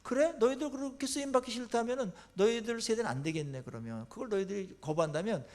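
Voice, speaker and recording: A man voicing God as a patient, fatherly coach, speaking softly and reassuringly. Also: sits high, quick pace, close to an everyday voice. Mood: gentle.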